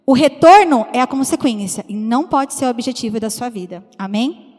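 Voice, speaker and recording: High-voiced woman preaching in a hall. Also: expressive, a little fast, darkish tone. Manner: chatty, storytelling, acts out quoted voices. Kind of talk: sermon. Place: church. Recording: reverberant church hall.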